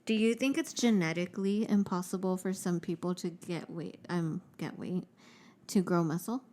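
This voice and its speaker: A woman's voice: on the low side, moderate pace, mellow. Frank, swearing young woman chatting. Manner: frank and profane, heavy use of "like"; mixes in Spanish words. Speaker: podcast co-host. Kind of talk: casual chat.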